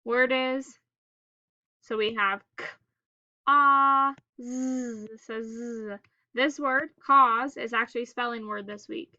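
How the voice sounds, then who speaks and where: A woman teacher leading a phonics drill for children in staccato, clipped single words with pauses between them. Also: on the high side, steady tone, bright, forceful tone, dry recording, highs cut off.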